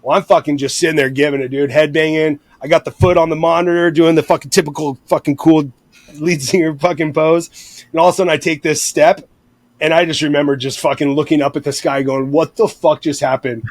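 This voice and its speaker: A man's voice: a little high, a little fast. A man in his thirties, a former lead singer, telling rowdy, profane tour stories in a casual podcast chat. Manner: rowdy, profane, animated storyteller.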